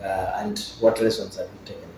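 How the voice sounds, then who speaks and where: A man's voice: fairly low pitch, little pitch movement, fairly quick, darkish tone, slight background noise. A man hosting an interview, putting questions to his guest in a conversational way. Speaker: interviewer, host. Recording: very echoey room, music in mix.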